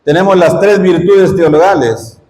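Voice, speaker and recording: Speaking in a high, darkish voice at a moderate pace, a middle-aged lay missionary from Guatemala leads a parish retreat talk, teaching conversationally and questioning his audience. The echoey church hall recording has a little hiss or hum.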